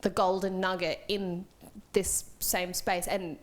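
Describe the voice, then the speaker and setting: An Australian woman co-hosting a casual podcast, telling rambling, excitable anecdotes. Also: on the low side, a little slow. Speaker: podcast co-host. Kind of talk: casual chat.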